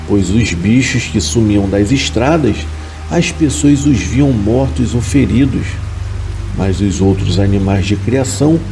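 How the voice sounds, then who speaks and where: Calm male horror narrator, low and warm, over faint music. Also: creaky, poor audio. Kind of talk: scripted narration.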